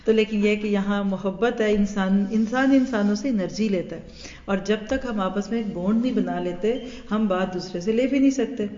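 A middle-aged woman teaching a hadith lesson, lively and warm with listeners, acting out everyday exchanges in little voices. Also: mid-range voice. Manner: animated, acts out everyday dialogue in voices. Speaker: religious teacher. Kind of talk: hadith lecture. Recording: echoey hall, dull lo-fi sound.

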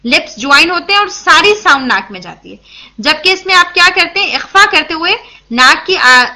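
A very high-pitched, expressive woman with a bright, forceful tone teaches the rules of Quran recitation. Her tajweed lesson patiently explains and demonstrates sounds, blends in English words, and keeps checking in with listeners as she asks and answers her own questions.

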